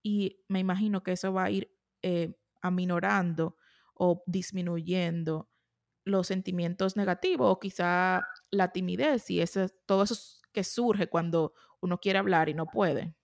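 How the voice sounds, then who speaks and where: Host lady, low fry-ish voice, animated storyteller. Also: a little slow. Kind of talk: casual interview chat.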